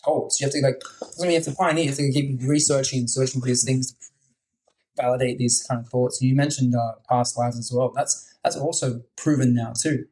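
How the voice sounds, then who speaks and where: A man's voice: mid-range voice, steady tone, fairly quick, darkish tone, rough recording. A man hosting a podcast, chatting enthusiastically and filling his sentences with "like". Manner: enthusiastic, many fillers like "like". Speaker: podcast host. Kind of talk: casual podcast conversation.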